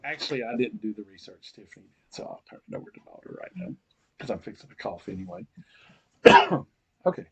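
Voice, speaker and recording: A man's voice: on the low side, very animated, a little fast, gravelly, a bit bright, low-quality recording. A middle-aged man co-hosting a podcast, teasing his daughter and laughing a lot during joking banter. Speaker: podcast co-host.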